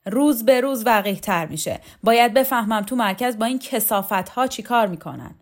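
A woman reader voicing a coarse, domineering woman revolutionary leader who talks loudly and with contempt in an audiobook. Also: mid-range voice, expressive, lightly acted. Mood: contemptuous. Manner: loud, insulting, contemptuous. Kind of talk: audiobook character voice.

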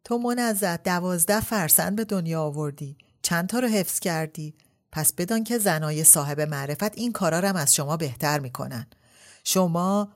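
An outspoken middle-aged brother from a storybook, read by a woman, teasing and lecturing in turn. The voice is low and the delivery plain. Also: natural voice. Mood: mocking, lecturing.

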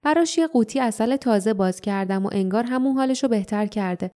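A woman doing a cheerful hushed pedlar man. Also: lightly acted. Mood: friendly. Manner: friendly, low-voiced hurry.

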